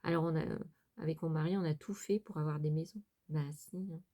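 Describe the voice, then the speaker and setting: A woman's voice: low-pitched, fairly even intonation, fairly quick, warm tone. A middle-aged woman from France vlogging about her crafts, chatting casually to viewers with many fillers and restarts.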